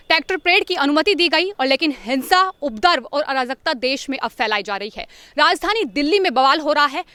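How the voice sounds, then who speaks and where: A woman hosting a news channel, introducing the topic and guest in a formal, measured manner. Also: sits high, pushed and bright, dry recording.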